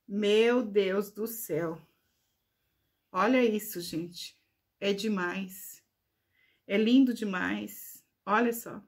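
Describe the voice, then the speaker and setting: Woman slowly gushing over her handmade stuff, keeps calling out to her viewers, casual vlog. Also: mid-range voice. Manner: gushing, addresses viewers as "gente" often. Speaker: crafter showing her work. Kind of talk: casual show-and-tell vlog.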